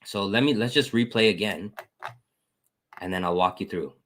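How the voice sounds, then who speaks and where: A man's voice: moderate pace, fairly bright tone, a little hiss or hum. A man casually walking viewers through his trades on a screen share, talking to them as "guys" and calling out wins. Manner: casual, repeats "guys" and "boom", thanks chat members. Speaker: trading educator.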